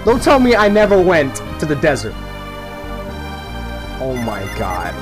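With music behind him, a man whose slightly high pitch swoops wildly talks a little slowly as he plays a video game. The commentary is loose and unscripted, and he rambles, swears and laughs a lot.

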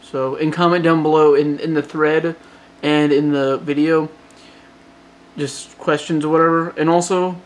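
A man's voice: fairly high pitch, level tone, a little slow. A man with a light Southern accent from Georgia, talking through a casual vlog update late at night, rambling with many restarts and fillers. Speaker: hobbyist phone modder.

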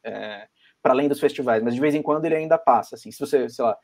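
A Brazilian man with a Brazilian Portuguese accent speaks quickly in a medium-pitched voice. Appearing on a video-call academic panel discussion, he thinks aloud with many fillers and restarts.

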